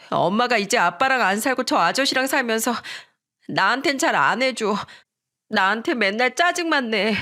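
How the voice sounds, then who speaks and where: A woman's voice: fairly high pitch, sharp tone. Woman doing a tearful little girl. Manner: tearful, pleading child talk. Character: young girl in third grade, sad and pleading.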